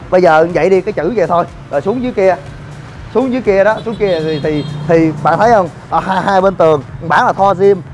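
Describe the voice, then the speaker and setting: A man's voice: high voice, slight background noise. A man ranting to viewers while inspecting shoddy building work, scolding and exasperated. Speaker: gym owner and vlogger. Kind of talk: ranting vlog walk-through.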